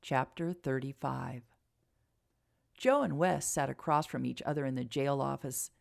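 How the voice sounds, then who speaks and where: A woman narrating a romance audiobook in a calm, even reading. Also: rumbling low, unhurried, creaky, dry recording, studio quality.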